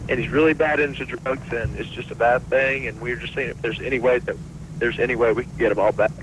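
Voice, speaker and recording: A man calling in to a radio show by phone, casual and halting, repeating his words. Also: medium pitch, fairly even intonation, noisy background.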